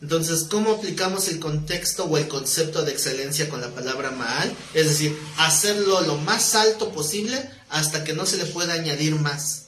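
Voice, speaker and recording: A man's voice: on the high side, normal speed, few pauses, a bit bright. A man preaching a teaching sermon in a conversational way, asking his listeners questions. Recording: echoey room, faint noise.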